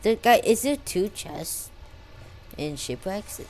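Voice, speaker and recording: A young girl chats unscripted about her life over gameplay as a vlogger, rambling in slang with some stuttering and saying W in place of R due to a speech impediment. She speaks slowly at medium pitch, with big pitch swings and a darkish tone.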